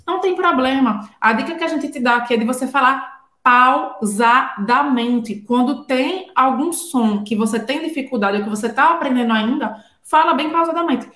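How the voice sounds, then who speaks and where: High-voiced woman teaching French. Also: fairly bright tone, reverberant. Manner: explains slowly, spells out sounds. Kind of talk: language lesson.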